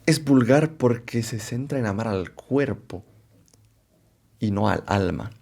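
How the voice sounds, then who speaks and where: A man presenting a philosophy lecture, unhurried and thinking aloud, often checking in with rhetorical questions and correcting himself as he goes. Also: on the low side, lively intonation, vocal fry, darkish tone. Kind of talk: explanatory lecture to camera.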